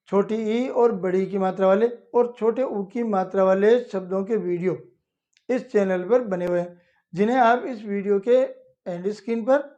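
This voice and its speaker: A man teaching children to read Hindi, spelling out each syllable slowly and repeating it, with a Hindi accent. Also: high voice, mellow. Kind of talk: slow instructional lesson. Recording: dull lo-fi audio.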